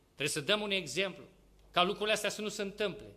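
A male preacher with a high, very bright, piercing voice gives a sermon, alternating between loud, urgent exhortation and quiet, hushed asides. He repeatedly poses rhetorical questions to the congregation.

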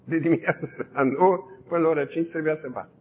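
Animated male preacher, slightly high voice, vivid storyteller; phone-quality broadcast with faint rumble. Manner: lively, vivid storytelling with laughs. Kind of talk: sermon storytelling.

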